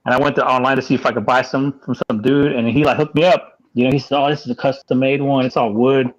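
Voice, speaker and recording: A man's voice: mid-range voice, steady tone, fast, dull audio. A man chatting casually as a guest over a video call, rambling with lots of fillers and laid-back slang. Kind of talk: casual chat.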